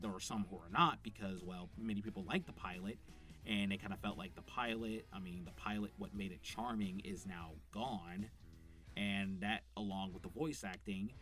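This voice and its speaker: A man's voice: on the low side, pushed and bright. A man who voices characters himself, giving enthusiastic, rambling unscripted commentary with plenty of fillers. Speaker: voice actor reviewing a show.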